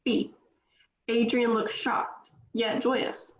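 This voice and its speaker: A woman script reader voices the stage directions at a table read, speaking extremely slowly in a flat, fairly high-pitched voice. The room is echoey and the sound dull and lo-fi.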